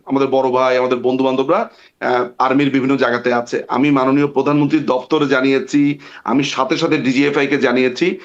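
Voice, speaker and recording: A man, a barrister guest on an interview show, telling a long story with hesitations and reenacted dialogue. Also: medium pitch. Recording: dull lo-fi sound.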